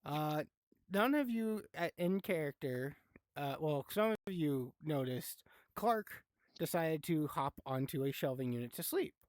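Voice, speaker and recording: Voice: medium pitch, animated, measured pace, a little mellow, no echo, clean studio sound. A game master running a live tabletop horror game in a laid-back, chatty way, laughing and swearing now and then.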